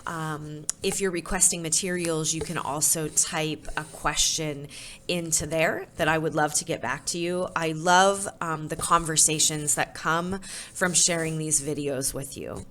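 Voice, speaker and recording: A woman educator gives a recorded parenting lesson in a low-pitched voice. She talks in an encouraging, conversational way and often pauses on a filler. The delivery is relaxed and plain. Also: a little hiss or hum.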